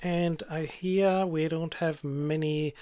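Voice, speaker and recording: Higher-pitched man streaming a tower game. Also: fairly even intonation, slow, mellow, a little hiss or hum. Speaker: host, game streamer playing air traffic controller. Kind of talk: casual live game commentary with controller instructions.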